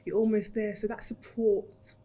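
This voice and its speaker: A woman's voice: mid-range voice, level tone, moderate pace, warm tone, slight background noise. A woman in her thirties with a London accent, chatting in an interview and acting out her own past words as she tells the story. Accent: London English. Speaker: interviewee, graduate. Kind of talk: casual interview chat.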